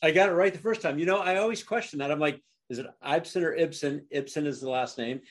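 A podcast host leads a casual interview, his voice on the high side with fairly even intonation and a fast delivery. He's enthusiastic and peppers his talk with lots of "uh"s.

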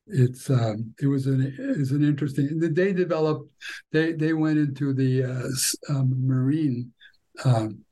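Older man, mellow husky voice, slow halting delivery, historical recollection. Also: medium pitch, low-quality recording. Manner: halting, repetitive, searching for words. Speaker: interviewee telling family war history.

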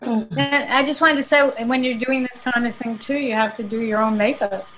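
Chatty higher-voiced lady on a video call, laughy, slight hiss behind. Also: fairly even intonation, normal speed, fairly bright tone, rough recording. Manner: chatty, laughs through her words. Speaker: actress. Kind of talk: casual video-call chat.

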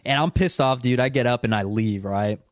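A man's voice: mid-range voice, a little fast, no room sound, studio quality. A young man with a Southern Californian accent telling a wild story in casual chat, swearing often and laughing as he goes. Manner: profane, laughing, animated storyteller. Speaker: podcast co-host.

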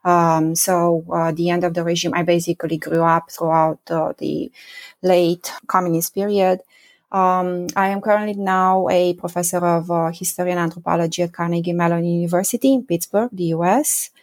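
A Romanian woman in her forties, speaking with a Romanian accent, answers interview questions as a history professor. Her voice is lowish and steady, at a normal speed. She sounds hesitant, with many fillers and restarts.

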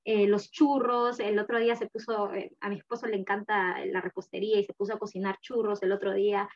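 A woman's voice: mid-range voice, level tone, fairly quick. A woman, a mother chatting casually as a guest with many fillers. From Peru. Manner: chatty, frequent fillers and laughter. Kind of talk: casual conversation. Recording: slightly dull lo-fi recording.

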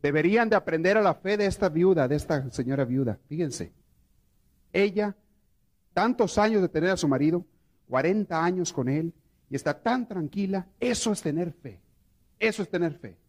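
Lively priest teaching a prayer class. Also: male voice, high voice, moderate pace. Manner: animated storytelling, asks the audience questions. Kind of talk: teaching a prayer course to a live group.

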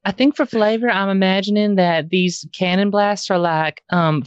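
A woman playing a tabletop game, relaxed and unhurried. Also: mid-range voice, clean tone, no room sound. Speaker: player. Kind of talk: casual tabletop game chat. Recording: dull lo-fi audio.

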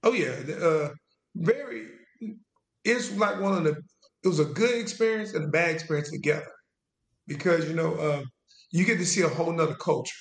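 A man, a guest telling his story in a loose, halting way with restarts and trailing phrases. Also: fairly high pitch. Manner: casual Southern US speech, drawn-out and halting with restarts. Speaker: interview guest, veteran. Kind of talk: conversational storytelling. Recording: roomy echo.

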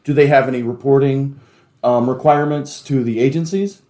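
A man's voice: mid-range voice, brisk, warm tone. A man co-hosting an interview, asking questions conversationally and searching a little for his words. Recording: echoey room.

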